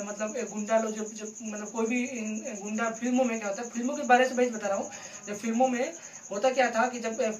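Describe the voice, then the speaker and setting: A man's voice: very high-pitched, reverberant, recorded from a distance, slight background noise, poor audio. A man teaching acting in a casual vlog, explaining with many fillers.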